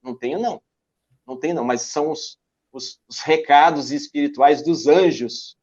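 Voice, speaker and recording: A man's voice: fairly high pitch, moderate pace, darkish tone. Older Brazilian man, lo-fi call. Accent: Brazilian Portuguese. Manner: enthusiastic storyteller, many rhetorical questions. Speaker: interview guest, backpacker and teacher. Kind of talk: casual interview over a video call. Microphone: video call. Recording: lo-fi video call audio.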